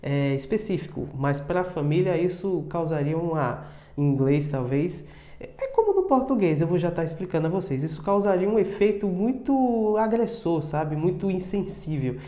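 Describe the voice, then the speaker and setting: A man teaching English in a casual video lesson, chatting and repeating words slowly, often checking with short tags. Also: fairly high pitch, lively intonation, warm tone, reverberant.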